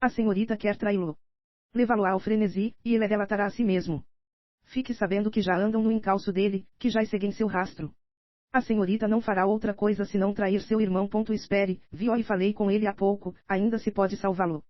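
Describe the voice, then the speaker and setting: A woman's voice: mid-range voice, steady tone, brisk, no echo, natural voice. A Brazilian woman voicing a scheming older nobleman in an audiobook, read steadily in her own voice, slightly dull and dry. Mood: pleading, insistent. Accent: Brazilian Portuguese.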